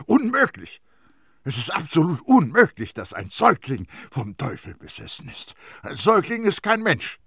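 A man voicing a fussy, pompous middle-aged priest who lectures in a high, indignant voice. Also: wildly swooping pitch, normal speed, vocal fry, bright, forceful tone, breathy edge, no echo, clean studio sound, heavily acted. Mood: indignant lecturing.

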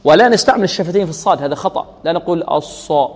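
A fairly high-voiced man teaches Quran recitation and drills each sound slowly, asking questions and answering them himself. His voice carries a long reverb, as in a radio broadcast. He breaks into slow, chanted verses as examples. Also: expressive. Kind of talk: tajweed lesson with recited examples.

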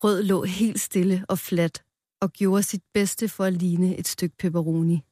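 A woman reading a children's story aloud in a calm, playful storytelling manner, close to the mic. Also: on the low side, no room sound.

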